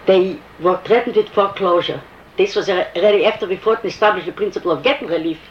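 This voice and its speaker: An older woman with a foreign accent recalls her activism in an oral history interview, telling her story animatedly and acting out quoted dialogue. She speaks fast at medium pitch. The recording is muffled and echoey with a faint hiss.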